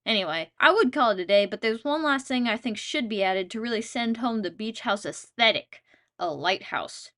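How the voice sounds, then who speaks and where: A woman's voice: on the high side, animated, moderate pace, a bit bright. A woman narrating a comedic game video in a wry, playful, self-mocking way.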